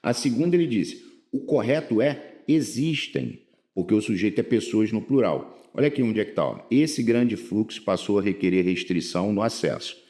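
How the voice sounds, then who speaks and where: A Brazilian man teaching Portuguese grammar for exam prep in a casual way, reading quiz items slowly and then explaining them in colloquial speech. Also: fairly low pitch, darkish tone.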